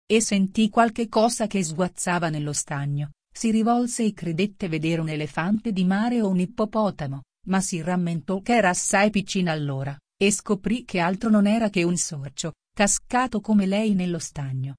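A woman's voice: medium pitch, animated, moderate pace, hardly any pauses, a little mellow, dry recording, clean studio sound. Woman reading a storybook aloud. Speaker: narrator.

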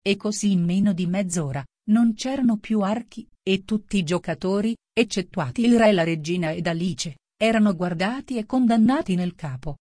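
A woman reading a classic children's tale aloud as narrator, steady and measured. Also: mid-range voice, no room sound, clean studio sound.

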